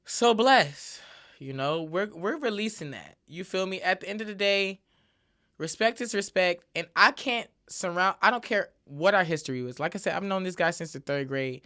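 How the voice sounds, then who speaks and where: A podcast host speaks solo in a casual, emphatic way, filling her talk with repeated filler tags. Her voice is on the low side, animated and a little bright, at a normal speed.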